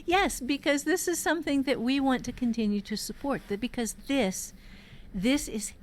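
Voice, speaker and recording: A woman with a high-pitched voice speaks at normal speed while hosting a podcast workshop. As both host and teacher, she chats informally and candidly, telling personal stories with emphasis and swearing freely.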